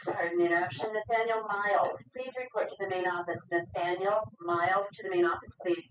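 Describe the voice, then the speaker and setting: A woman from the school office reading out a routine announcement over a PA loudspeaker. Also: fairly low pitch, steady tone, quick pace, a little hiss or hum. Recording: distant, echoey, muffled PA sound.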